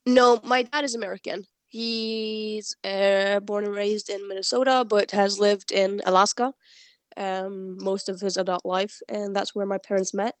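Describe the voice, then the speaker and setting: A Norwegian woman in her twenties is interviewed remotely over a video call, speaking slowly and hesitantly as she searches for English words and laughs shyly. She is a sled dog musher, and her voice is medium in pitch and steady in tone, with no echo.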